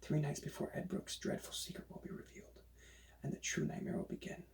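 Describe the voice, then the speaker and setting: A man doing a whispered role-play as a librarian recommending books, in a hushed, breathy library whisper. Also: fairly quick, background noise.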